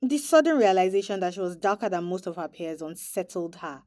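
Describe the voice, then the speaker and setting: A woman hosting a podcast, narrating in a reflective, measured scripted style. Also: on the low side, lively intonation. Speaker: podcast host.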